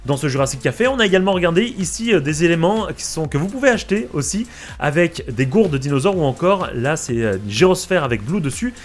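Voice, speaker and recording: A man's voice: on the high side, expressive, fast, soft background music. Chatty man narrating a park vlog. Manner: chatty, many fillers and asides. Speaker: vlogger touring a theme park. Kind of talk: casual vlog voice-over.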